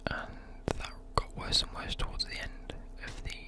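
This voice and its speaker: A young adult with a British accent giving a whispered, informal ASMR chat, with soft mouth sounds. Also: moderate pace. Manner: whispering throughout. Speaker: ASMR creator, university student. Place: indoors at a desk. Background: occasional tapping and desk creaks.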